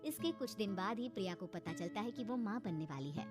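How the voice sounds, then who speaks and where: A woman's voice: medium pitch, expressive, brisk, music in the background. Female horror storyteller, scripted narration.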